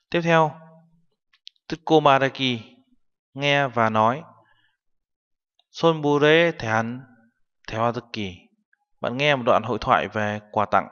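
A man's voice: medium pitch, fairly bright tone. Man teaching with a dull reverberant sound. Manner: explains each term patiently, translating word by word. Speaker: Korean language teacher. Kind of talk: classroom lesson explanation. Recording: dull recording with long reverb.

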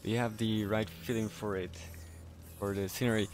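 A man streaming a game in casual chat, speaking careful non-native English, halting and self-correcting, laughing often. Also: lowish voice, little pitch movement, a little mellow, a little hiss or hum.

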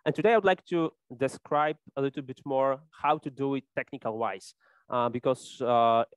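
A man presenting a technical talk at a conference, pausing often with fillers and restarting his sentences. His voice is smooth and resonant, and it sounds dry, with no room echo. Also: medium pitch. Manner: hesitant, many fillers and restarts. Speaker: conference speaker. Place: conference hall.

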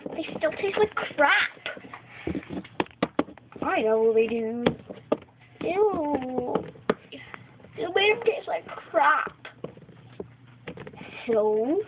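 A young girl play-acting a family scene with toys, voicing the characters herself in a playful, squealing way. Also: high-pitched. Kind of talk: toy play-acting with voices. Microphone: phone. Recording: tinny phone recording with loud noise.

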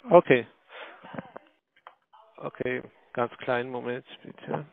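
A man who is not a native German speaker, talking haltingly on a phone call with many filler sounds and broken grammar. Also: mid-range voice, fairly even intonation, creaky. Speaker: scam call center agent. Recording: tinny dry phone line.

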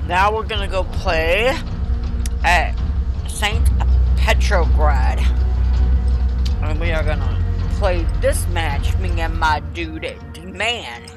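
A woman's voice: fairly low pitch, slow pace, long pauses. A woman vlogger giving casual, profane commentary while playing a shooter game, talking with her mouth full. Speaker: gaming vlogger. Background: game music.

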